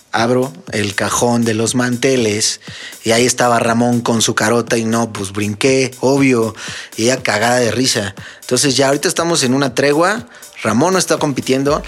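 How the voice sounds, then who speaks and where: A young man with a Mexican Spanish accent hosting a casual solo podcast, telling funny stories and talking straight to his listeners. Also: mid-range voice. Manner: joking, storytelling, addresses listeners as friends. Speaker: podcast host and DJ.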